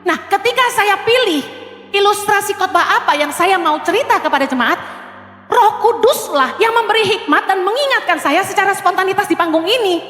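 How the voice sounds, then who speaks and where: A middle-aged woman pastor preaches from a church stage in a chatty, lively way, dropping in English phrases. Her voice sits very high. The sound is roomy, and a long hall reverb trails each phrase. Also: normal speed. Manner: conversational, mixes in English phrases, swings from loud calls to low asides. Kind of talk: lively sermon from the pulpit. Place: church stage before a congregation.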